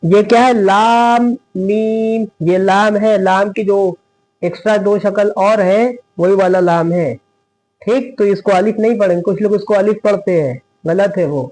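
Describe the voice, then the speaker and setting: A man teaching Quran reading, naming Arabic letters one by one in a slow, patient lesson. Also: high-pitched, a little mellow, poor audio.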